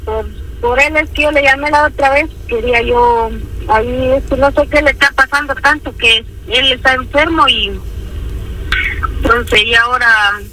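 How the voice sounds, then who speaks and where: A woman calling in to a radio show over a phone line, talking in a halting, rambling way with many fillers. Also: high voice, sharp tone, slight background noise. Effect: heard over a phone line. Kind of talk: casual phone-in talk.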